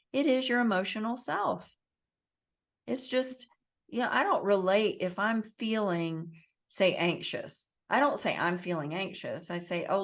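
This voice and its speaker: A woman author, interviewed as a guest, speaks earnestly in a coaching tone and acts out the voices she quotes. She is based in the Southwest US, and her voice is medium-pitched and a bit bright.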